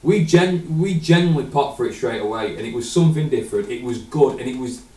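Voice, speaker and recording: A man's voice: medium pitch, expressive, fast talker, dark tone. A man co-hosting a podcast, chatty and casual with some swearing. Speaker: podcast co-host. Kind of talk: casual chat. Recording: roomy, distant mic.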